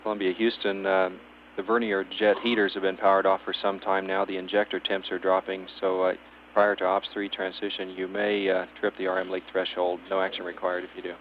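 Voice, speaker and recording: A man speaks over dull radio with a faint hiss. His voice is fairly low and very even, delivering clipped procedural calls as a mission control communicator. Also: brisk. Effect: radio transmission.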